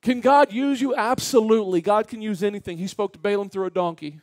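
A man preaching a Sunday school sermon in a church, asking the congregation questions, dropping to a hush and then rising loud and emphatic, with the odd joke. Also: sits high, fairly quick, no room sound, clean studio sound. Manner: swings from hushed to loud and emphatic, asks the room questions; jokes with the congregation. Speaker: pastor. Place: church sanctuary.

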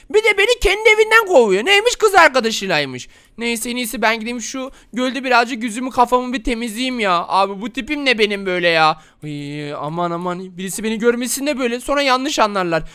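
Man voicing a high, piercing, panicky Minecraft uncle who whines and shrieks at every surprise. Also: expressive, bright, forceful tone, smooth, heavily acted. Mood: grumbling, puzzled. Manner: shrieking, whiny, quick to panic. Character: excitable clumsy adult man, easily scared. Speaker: game video host. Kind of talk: Minecraft role-play voice acting.

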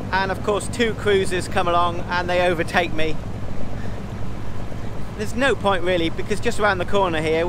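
A man, hosting a vlog and chatting casually with wry asides while steering a boat outdoors. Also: high-pitched. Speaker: vlog host. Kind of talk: casual narration while boating. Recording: loud boat engine and outdoor noise.

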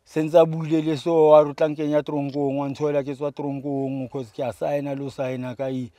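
A middle-aged man with a South African accent talking casually as an interview guest in a car, halting and full of slang. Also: a little high, little pitch movement, mellow, dry recording. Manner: halting, peppered with slang address terms. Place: inside a parked car. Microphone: handheld microphone.

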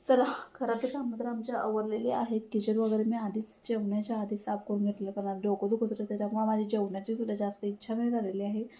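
Young mum vlogger, slightly high voice, chatty home talk straight to camera on a phone. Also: female voice, mellow, low-quality recording. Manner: chatty, homely, talks straight to viewers. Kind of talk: casual home vlog chat. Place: home, indoors. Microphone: phone held at hand.

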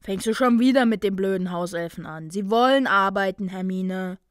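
A woman voicing a hot-headed, jealous young male wizard student who snaps loudly. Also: medium pitch, moderate pace, clean tone, no echo, clean studio sound, natural voice. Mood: angry. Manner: loud, snapping, aggrieved.

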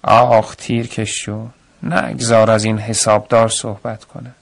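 An older village woman, gossipy and warmhearted, as a male storyteller puts her on, telling tales in a confiding, indignant way. Her voice sits at an ordinary middle pitch, with a radio-story feel. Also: lightly acted.

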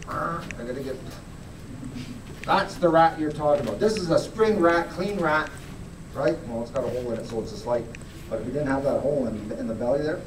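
This is a middle-aged male fur grader with a slightly high voice, speaking plainly during a live grading demonstration in a big indoor hall and repeatedly asking the audience to look closer. There's background noise, and the far-off camera captures plenty of hall echo.

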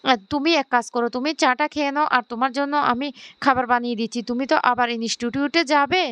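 A woman's voice: sits high, steady tone, quick pace, a bit bright, clean tone, no room sound. A woman voicing a scheming, pushy middle-aged woman who fusses insistently over a man. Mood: fussing. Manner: fussing, sweetly insistent.

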